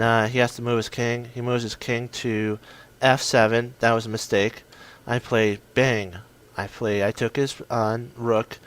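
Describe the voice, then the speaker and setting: A man walking through one of his own chess games, excitable and punchy, often stopping to correct himself. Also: mid-range voice, clean tone. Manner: excitable, self-correcting, punchy short phrases. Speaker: chess commentator. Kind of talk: casual game commentary.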